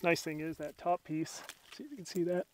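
Lively intonation and a fairly quick pace mark this somewhat high male voice, with slight background noise. A middle-aged outdoors host is at a mountain campsite, chatting through his gear step by step and making fun of himself along the way. He's recorded on a camera mic, with a body cam and a tripod camera.

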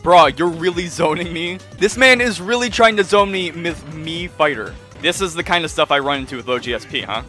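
A man giving casual, excitable commentary over his own gameplay, swearing and laughing as he plays. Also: on the high side, brisk, few pauses, soft background music. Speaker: gaming YouTuber.

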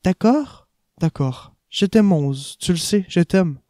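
A man's voice: sits high, expressive, slow, mellow, no echo, studio quality, pitched above the performer's own voice. A man voicing an earnest young man in love with his companion. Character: German man in love, earnest, a bit puzzled.

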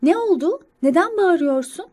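A woman's voice: very high voice, lively intonation, normal speed, dark tone, pitched above the performer's own voice. A woman voicing a caring but firm mother squirrel in a storybook reading, with a motherly tone. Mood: surprised. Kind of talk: storybook character voice.

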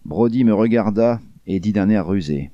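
Low, dark-voiced male reader, deadpan crime audiobook narration, dry sound. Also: moderate pace, dry recording, highs cut off. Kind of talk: scripted first-person crime narration.

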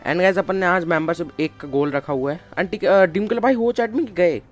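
A man streaming a mobile game live, chatting with viewers and calling out to teammates, with bursts of excited shouting. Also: high voice, a little fast, faint music behind. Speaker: gaming streamer. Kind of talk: casual live game commentary.

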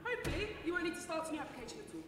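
A woman's voice: extremely high pitch, very animated. A woman playing a curt, rule-bound benefits clerk. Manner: brisk, clipped, dismissive. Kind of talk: stage play acting. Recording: echoey hall, far from mic, noisy.

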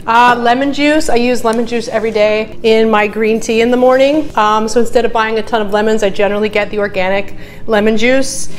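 A woman's voice: fairly high pitch, steady tone, fairly quick. A middle-aged woman vlogging casually, talking through her grocery haul with frequent ums and uhs, first on a phone held at arm's length and then in her home kitchen. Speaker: health vlogger. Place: parking lot outdoors, then home kitchen. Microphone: phone at arm's length, then camera on a stand.

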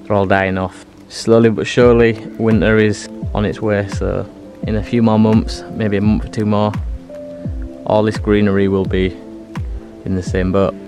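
Out in the forest, this thirty-something bushcraft vlogger with a British accent rambles to his camera, held at arm's length, stumbling over fillers and restarts. His voice leans low with little pitch movement at a moderate pace, and music runs behind it.

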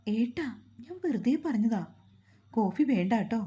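A playful young wife pleads and teases in a coaxing tone, as a woman narrator puts her on. Her voice is soft and mellow with a breathy grain. Some lines rise high and sing-song. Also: animated, a little slow.

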